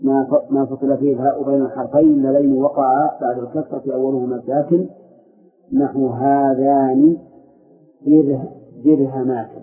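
A man's voice: mid-range voice, little pitch movement, fast talker. Man teaching grammar over tinny audio. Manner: questions students and corrects them. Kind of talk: classroom lesson explaining verse.

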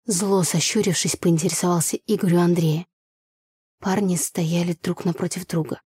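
A woman narrating a first-person audiobook story with an even, storytelling delivery. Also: fairly low pitch, normal speed, husky, no room sound, clean studio sound.

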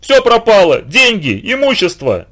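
A man voicing a scheming rich peasant who cries out loudly in put-on grief. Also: sits high, big pitch swings, measured pace, gravelly, voice pushed up, full character voice. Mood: feigned despair. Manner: loud theatrical crying out.

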